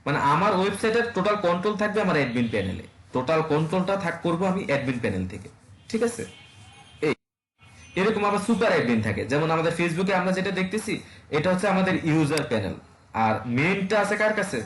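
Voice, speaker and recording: A man's voice: high-pitched, big pitch swings, fast talker, fairly bright tone, roomy sound. A man, teaching an online web design class in a casual way, with many fillers and checks on his students.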